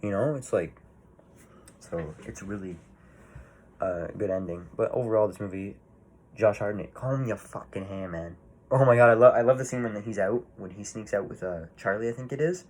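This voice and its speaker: Male movie reviewer, low voice, casual rambling delivery, swears often. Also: normal speed, darkish tone. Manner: rambling, swears freely, many fillers and restarts.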